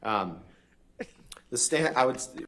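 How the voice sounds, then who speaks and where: A man's voice: medium pitch, expressive, takes it slowly, fairly bright tone. A man cross-examining a witness, heard through a courtroom recording, firing pointed leading questions. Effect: courtroom recording played back.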